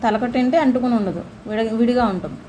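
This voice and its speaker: Chatty mother with a high voice. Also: fast, mellow, a little hiss or hum. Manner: patient, coaxing teacher, chatty toward viewers. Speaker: vlogger and mother. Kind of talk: casual home vlog chat. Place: home kitchen.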